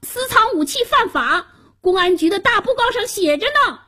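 A woman voicing a brave, stubborn schoolboy who talks back, with piercing high childlike shouts. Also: animated, normal speed, heavily acted. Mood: indignant. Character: brave defiant schoolboy, stubborn and quick-tongued.

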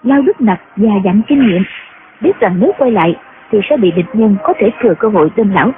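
A woman narrating a martial-arts novel in a steady storytelling voice. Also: medium pitch, brisk, noisy background. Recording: tinny phone-like sound with loud music.

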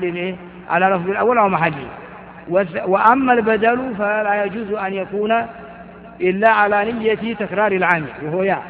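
An older man teaching grammar in a fairly high voice. He reads from a text, then explains it by repeating examples and asking "why?" The recording sounds tinny like a phone line and has a long hall echo.

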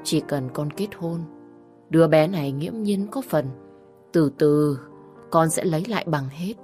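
A woman's voice: sits low, a little slow, warm tone, faint music behind. A woman voicing a scheming, vengeful young woman in a narrated story.

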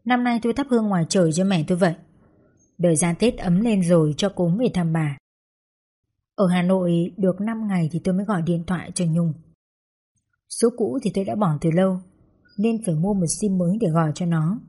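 Mellow, husky young woman narrating. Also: fairly low pitch, brisk. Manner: calm, reflective storytelling. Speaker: audiobook narrator. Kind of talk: first-person story narration.

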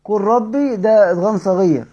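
High-voiced Egyptian man teaching Quran recitation. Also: mellow, breathy edge, highs cut off. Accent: Egyptian Arabic. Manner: explains quickly in colloquial speech, then recites verses slowly and drawn out; addresses students directly with questions. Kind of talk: Quran tajweed lesson mixing explanation and slow recitation.

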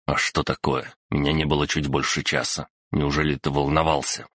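A man's voice: very deep voice, level tone, normal speed, fairly bright tone, slightly rough, no echo, clean studio sound, heavily acted. A man voicing an earnest teenage boy. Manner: earnest, exclamatory. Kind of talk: audiobook reading.

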